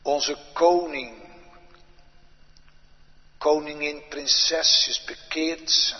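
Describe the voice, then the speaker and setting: A pastor praying aloud from the pulpit in a slow, solemn litany of petitions, recorded in a large church. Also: male voice, fairly high pitch, steady tone. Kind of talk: pulpit prayer. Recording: dull lo-fi church recording with long reverb.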